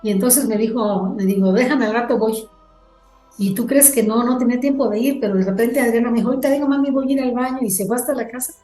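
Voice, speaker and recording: A woman, a podcast guest telling a ghost story in an animated way and acting out the dialogue as she quotes it. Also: a little high, fast, roomy sound, faint music behind.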